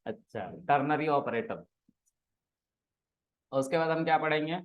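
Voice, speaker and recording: A man's voice: on the high side, unhurried. Teasing male teacher in a lo-fi classroom. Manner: teasing, asks students questions and scolds them. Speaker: programming teacher.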